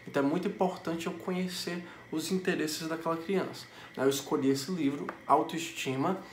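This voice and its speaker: A man with a Brazilian Portuguese accent explains things to parents the way a psychologist would, patient and didactic, asking himself rhetorical questions. His voice sits a little higher than most men's. It is recorded in an echoey room with a faint ambience behind it. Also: a little hiss or hum.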